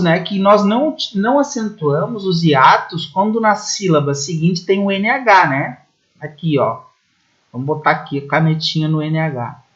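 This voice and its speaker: A Brazilian man, a Portuguese teacher, explains grammar rules step by step, often checking in with "né?". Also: on the high side. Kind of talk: recorded online grammar lesson. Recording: slightly muffled lo-fi audio.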